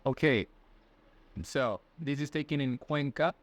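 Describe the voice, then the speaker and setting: On a dry recording, a man in his twenties speaks a little slowly in a mid-range voice. He's an interview guest from Ecuador with a Latin American Spanish accent, giving friendly, casual answers that are hesitant and peppered with fillers and restarts.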